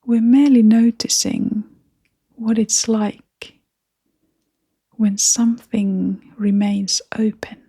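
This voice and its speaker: Speaking softly in short phrases with long, leisurely pauses between them, a woman leads a guided meditation in a breathy, whispery, creaky voice. Her delivery is flat and mid-range, with no echo in the recording.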